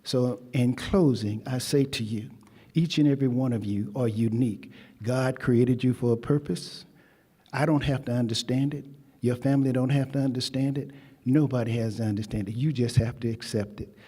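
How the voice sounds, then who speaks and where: An older Texan man gives a commencement address as convocation speaker, emphatic and woven with folksy stories. His mid-range voice is mellow and dark with a breathy edge, fairly even intonation, and normal speed, while a long reverb from the ceremony hall trails each phrase.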